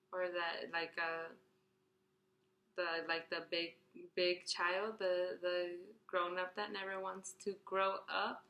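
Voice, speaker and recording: In an echoey room, a fairly low-pitched woman's voice belongs to a 21-year-old beauty vlogger doing a casual question tag video. She reads out each question in a bright way and rambles chattily through answers, full of fillers and restarts.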